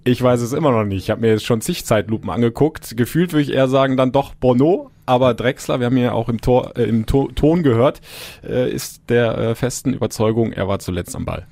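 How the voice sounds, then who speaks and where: A man's voice: mid-range voice, fairly quick, creaky, a little mellow, no room sound. A man hosting a casual football podcast chat. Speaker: podcast host.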